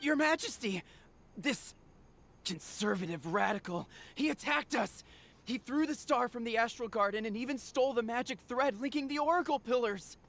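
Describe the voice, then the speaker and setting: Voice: medium pitch, animated, normal speed, fairly bright tone, a little hiss or hum. An actor voicing a loyal, dutiful royal guard in a video game, reporting formally and deferentially to a ruler.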